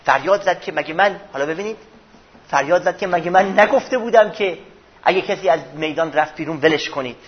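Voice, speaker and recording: Man, religion teacher, high husky voice, dramatic storyteller, dull lo-fi recording. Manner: dramatic storytelling, swinging from loud to hushed. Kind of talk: religious history lesson.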